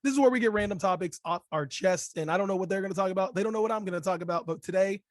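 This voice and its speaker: Hoarse, raspy man with a higher-pitched voice. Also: rapid-fire, dry recording, studio quality. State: sick with a cold, lost voice. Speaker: podcast host. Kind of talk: casual podcast chat.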